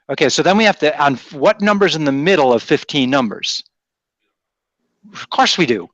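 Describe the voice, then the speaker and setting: A man's voice: a little high, a bit bright, no room sound, lo-fi sound. A man from Rhode Island with a faint accent, teaching a math class in a chatty, teasing way and thinking aloud. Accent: faint Rhode Island, mostly softened. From Rhode Island, USA. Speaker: math instructor. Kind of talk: classroom lecture.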